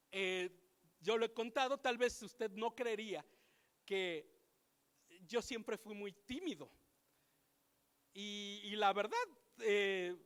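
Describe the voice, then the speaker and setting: A man with a Mexican accent preaches a sermon in a church hall, his very high voice bright and forceful. He moves between relaxed storytelling and emphatic exhortation. Long reverb from the hall trails behind every line. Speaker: pastor. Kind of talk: sermon with personal anecdotes.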